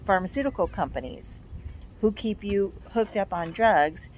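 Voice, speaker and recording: With an animated, mid-range voice and a darkish tone, an American vlog co-host in her fifties talks casually at a moderate pace. Her opinions come out blunt, emphatic and complaining. Slight background noise is audible.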